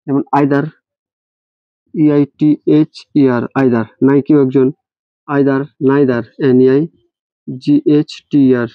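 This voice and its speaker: A man with a fairly high voice teaches a classroom-style English grammar lesson, spelling words letter by letter and putting rhetorical questions to his students. The recording is dry, dull and lo-fi, with no echo.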